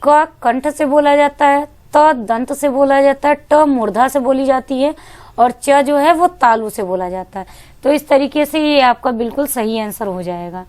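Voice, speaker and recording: A woman's voice: high-pitched, measured pace, a little mellow. A woman teacher giving an exam-prep lesson, mixing in English words, asking questions and answering them herself, repeating key points. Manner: mixes English words into Hindi.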